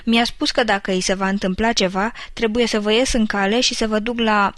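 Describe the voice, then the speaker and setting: A woman reading the part of a wary male beaver, speaking in a husky, throaty, hushed whisper. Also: medium pitch, steady tone, no room sound, close to an everyday voice. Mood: hushed urgent. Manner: hushed and urgent. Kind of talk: audiobook character reading.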